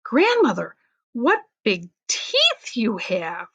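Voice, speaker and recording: A woman's voice: a little high, huge pitch swings, slow pace, a bit bright, slightly rough, full character voice. A woman voicing an innocent, wide-eyed little girl in a fairy tale. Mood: wondering.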